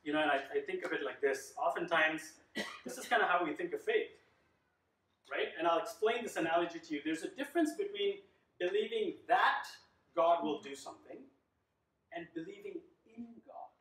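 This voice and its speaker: A man in his thirties telling a personal story as he teaches a class, animated and full of rhetorical questions to his listeners. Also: on the high side, moderate pace. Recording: echoey room, mic at a distance.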